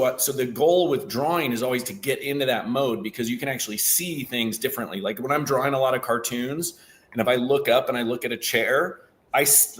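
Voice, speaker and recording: A man who draws cartoons and writes, rambling in casual group discussion with many fillers. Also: mid-range voice. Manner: rambling, filler-heavy, animated.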